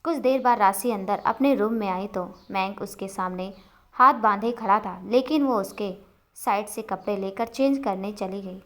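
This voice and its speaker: Woman storyteller, steady even reading, scripted narration. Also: medium pitch, moderate pace.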